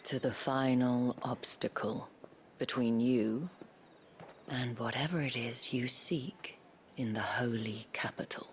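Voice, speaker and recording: A woman playing a poised, teasing madam in a video game, speaking slowly and deliberately, often dropping to a breathy near whisper. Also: very deep voice, slight background noise. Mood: measured, confiding. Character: poised, seductive brothel madam, teasing and calculating. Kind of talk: scripted video game acting.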